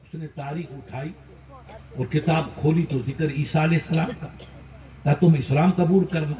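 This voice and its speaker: A high-voiced preacher in his fifties from India delivers a fiery sermon, often rising to shouts. He sounds roomy and echoey, recorded from some distance off the mic. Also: fairly even intonation, normal speed, lo-fi sound. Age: 50s. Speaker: Islamic preacher.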